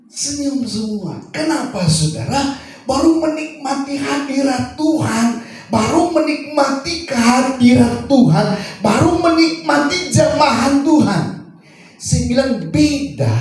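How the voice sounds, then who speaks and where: A male pastor, preaching a sermon in a church, his phrases swinging up into sung, shouted lines. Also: sits high. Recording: echoey church hall, from far off, faint music.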